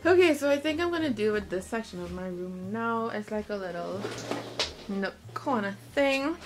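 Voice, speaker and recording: Music plays in the background as a woman in her twenties vlogs casually into a handheld camera held at arm's length in her small bedroom. Her mid-range voice is expressive and moderately paced, and she rambles, correcting herself along the way.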